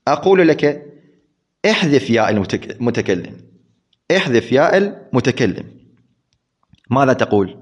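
A man's voice: mid-range voice, big pitch swings, moderate pace, long pauses, slightly rough. A man teaching Arabic grammar in a classroom lesson. He asks questions and answers them himself, and repeats the key words. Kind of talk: classroom lesson explaining a text. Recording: dull lo-fi recording.

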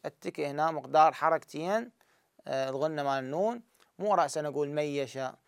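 Iraqi man teaching recitation, smooth voice. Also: a little high, dry recording, studio quality. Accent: Iraqi Arabic. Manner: explains step by step, slowly drawing out recited examples. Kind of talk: tajweed lesson.

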